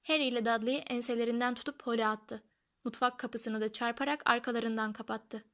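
Woman narrating an audiobook, slightly high. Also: steady tone, brisk, fairly bright tone, lo-fi sound. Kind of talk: scripted narration.

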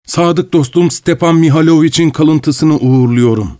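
A man's voice: fairly high pitch, moderate pace, warm tone, pitched above the performer's own voice, lightly acted. A man voicing a sly, drunken middle-aged man who teases and giggles in a raised voice. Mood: mocking, giggling.

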